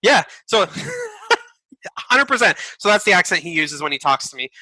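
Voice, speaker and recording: A young married man co-hosting a casual podcast, animated and quick to laugh. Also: high voice. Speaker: podcast co-host. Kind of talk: casual chat.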